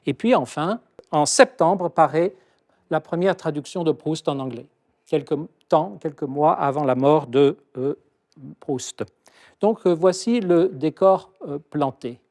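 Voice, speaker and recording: A middle-aged man, a literature professor, giving a lively lecture with ironic asides and frequent hesitations. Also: on the high side, measured pace.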